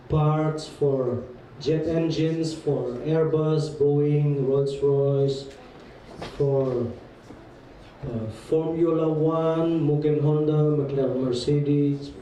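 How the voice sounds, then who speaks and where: A German-accented man teaching a class, friendly and teasing, speaking slowly and carefully. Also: a little high, steady tone, warm tone, slight background noise. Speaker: guest teacher. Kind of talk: classroom talk. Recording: echoey hall from far off.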